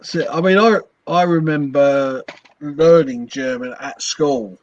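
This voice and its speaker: A man's voice: on the high side, slow pace, a little mellow, dry recording. An English man co-hosting a casual chat, telling stories with hesitant fillers. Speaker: co-host. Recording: dull dry lo-fi mic.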